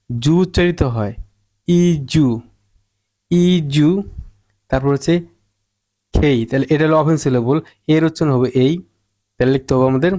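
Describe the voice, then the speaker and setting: A man with a Bengali accent teaching English pronunciation, drawing out and repeating each word slowly. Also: mid-range voice, a little mellow. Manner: slow, drawn-out repetition of words to model pronunciation. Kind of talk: spoken pronunciation lesson.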